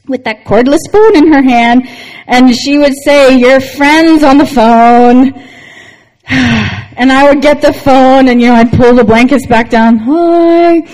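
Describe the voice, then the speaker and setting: A woman's voice: fairly high pitch, a little mellow. Earnest woman teaching in a reverberant hall. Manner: earnest, personal storytelling, frequent "right?" asides. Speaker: women's Bible teacher. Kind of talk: devotional talk to women.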